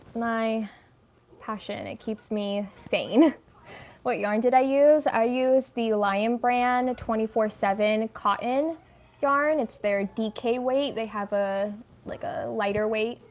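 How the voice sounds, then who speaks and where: Chatty woman, slightly high voice. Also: takes it slowly, highs cut off. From United States. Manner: chatty and rambling, lots of "like", easily sidetracked. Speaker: livestream host. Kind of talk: casual chat while crocheting.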